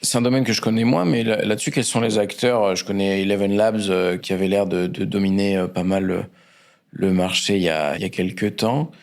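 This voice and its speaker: A French man hosting a podcast interview, asking questions in a searching, unhurried way between short acknowledgements. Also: fairly low pitch, steady tone, creaky. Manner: attentive, brief acknowledgements, slow searching questions. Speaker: podcast host.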